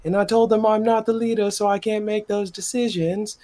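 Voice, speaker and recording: A man voicing a cheeky, chatty male bard in a tabletop game, speaking loudly and stretching his words out. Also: high-pitched, steady tone, normal speed, lightly acted. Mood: cagey.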